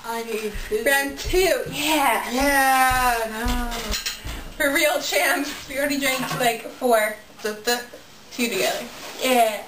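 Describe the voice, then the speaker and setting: A woman's voice: sits high, slow, background noise. A young woman chatting casually and giggling easily, in an amateur recording. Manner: giggly, breaking into laughter. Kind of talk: casual chat during a drinking and burping challenge.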